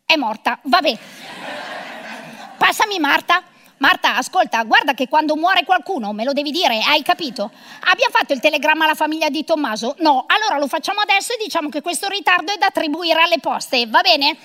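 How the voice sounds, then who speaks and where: A woman's voice: high-pitched, expressive, a little fast, bright, forceful tone. A middle-aged woman performing a comic monologue of phone calls as a bossy, sarcastic career mother.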